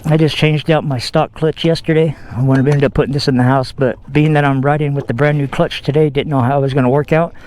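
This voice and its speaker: A man's voice: on the high side, steady tone, quick pace, few pauses, darkish tone, a little hiss or hum. A man casually vlogging about his scooter outdoors, rambling in a folksy way with fillers and self-corrections. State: out of breath. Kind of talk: casual vlog talk.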